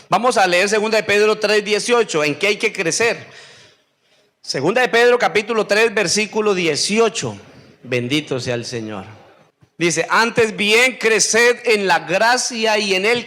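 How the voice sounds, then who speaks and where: High-voiced pastor preaching call-and-response. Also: male voice, animated, bright, forceful tone. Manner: call-and-response questioning, drawn-out answers; acts out whiny voices in a high squeak. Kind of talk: sermon.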